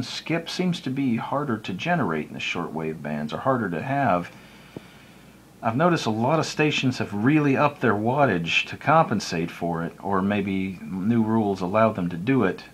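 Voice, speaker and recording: Speaking in a medium-pitched voice over a little hiss or hum, an American video blogger who is into radio explains something off the cuff. His talk is relaxed, unscripted, and wandering.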